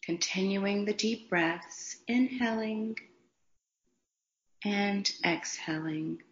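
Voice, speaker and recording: A woman guiding a meditation in a slow, soothing, unhurried way with long pauses. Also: on the low side, gravelly. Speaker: meditation guide. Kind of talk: guided meditation. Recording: roomy, dull lo-fi sound.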